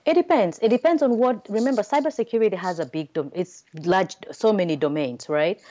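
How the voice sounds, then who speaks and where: A woman's voice: fairly low pitch, darkish tone. A woman with a Kenyan accent answering interview questions conversationally, explaining things and often checking in with "right?". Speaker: podcast guest, cybersecurity consultant.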